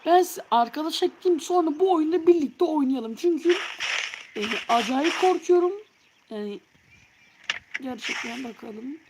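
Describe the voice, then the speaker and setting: Young woman, turkish accent, high-pitched, scared yelps, gaming stream, heavy background noise. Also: expressive, measured pace. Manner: jumpy, yelps and shrieks in fright. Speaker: livestreamer.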